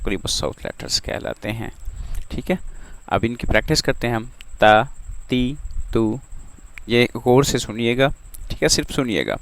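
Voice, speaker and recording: A man with an Urdu accent teaching Quran pronunciation, drawing out syllables slowly and checking in with "theek hai" between them. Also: on the low side, creaky. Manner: drawn-out syllable demonstrations, repeats "ठीक है" often. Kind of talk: slow, patient tajweed lesson.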